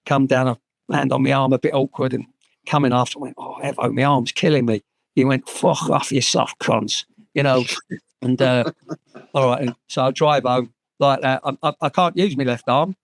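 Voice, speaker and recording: A man's voice: mid-range voice, no echo. An English man in his sixties, a former footballer, telling frank, sweary anecdotes with many fillers and restarts. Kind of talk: storytelling anecdotes in conversation.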